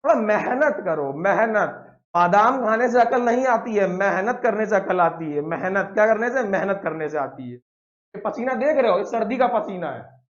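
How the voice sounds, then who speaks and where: High-voiced, blunt, playful male teacher. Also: expressive, normal speed, dull audio. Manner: playful, blunt, quizzes students constantly. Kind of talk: classroom lecture.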